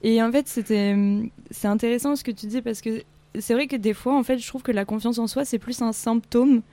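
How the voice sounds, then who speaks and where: A woman speaks on a call-in radio show. Her voice sits a little high but is warm and mellow. She talks thoughtfully and hesitates with frequent fillers. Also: steady tone, brisk, dry recording.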